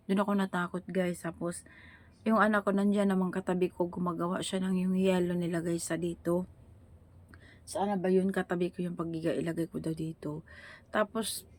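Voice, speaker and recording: A woman's voice: mid-range voice, a little mellow. Middle-aged woman vlogger, rambling casually. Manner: rambling, conversational, calls the viewers "guys". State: weak and tired after being ill. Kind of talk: casual storytelling to viewers.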